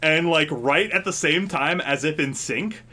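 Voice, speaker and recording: A man's voice: fairly high pitch, unhurried, bright, forceful tone. A man narrating as game master of a tabletop game, rambling with fillers and frequent laughs.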